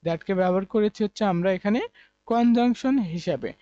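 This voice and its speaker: A man's voice: high voice, fairly quick, mellow, clear, resonant tone, no echo, dull audio. A man from Bangladesh teaching an online English lesson, repeating word forms over and over and explaining with many fillers. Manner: repetitive drilling of pronunciations.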